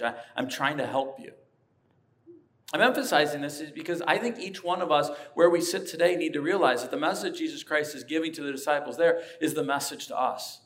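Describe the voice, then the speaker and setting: A man's voice: on the high side, a bit bright. A man preaching a sermon as a pastor, earnest and emphatic, rising to passionate peaks. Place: church sanctuary.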